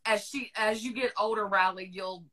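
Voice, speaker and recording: A woman's voice: medium pitch, fairly even intonation, normal speed, pushed and bright, low-quality recording. A Southern woman from North Carolina hosting a podcast, asking questions in a chatty, rambling way. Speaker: podcast host. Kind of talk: casual interview chat.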